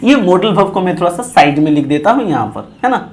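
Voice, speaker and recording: A man's voice: sits high, sing-song, brisk. A man teaching a grammar lesson at a board, repeating points and quizzing students with call-and-response. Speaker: English teacher. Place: classroom with a board.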